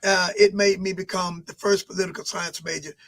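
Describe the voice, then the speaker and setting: A man in his sixties answering interview questions at a measured pace, with frequent pauses and fillers. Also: sits high, level tone, creaky, a bit bright. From Albany, Georgia. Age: 60s. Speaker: mayoral candidate guest.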